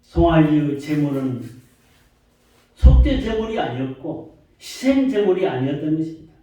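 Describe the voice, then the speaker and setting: A man preaching a sermon as pastor, slow and emphatic, often rising into questions. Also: fairly high pitch, very animated, mellow. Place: church sanctuary. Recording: echoey church hall, mic far off.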